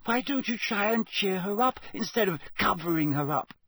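A bossy, earnest teenage schoolgirl, raised high and indignant, as a man puts her on. She presses her points hard. The recording is dry and close. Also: animated, normal speed, bright, forceful tone, breathy edge, no room sound, full character voice. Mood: exasperated. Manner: insistent, indignant. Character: exasperated earnest teenage girl.

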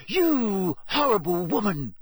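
A man voicing Hermione, a clever, bossy teenage schoolgirl who talks in a crisp, lecturing way in an audiobook reading. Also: fairly high pitch, big pitch swings, normal speed, no room sound, pitched above the performer's own voice. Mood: furious.

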